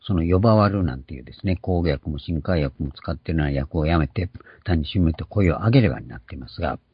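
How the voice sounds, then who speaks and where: Older male pastor, deep raspy voice with lively inflection, earnest teaching sermon. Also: quick pace, dry recording. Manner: earnest, explanatory, stresses key words. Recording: dull lo-fi recording.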